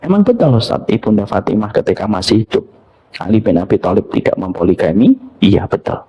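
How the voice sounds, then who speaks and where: A middle-aged man preaching a lively sermon, asking his audience questions and dropping to soft near-whispers for tender moments. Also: lowish voice, brisk, slightly rough. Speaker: Islamic preacher. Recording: dull lo-fi lecture recording.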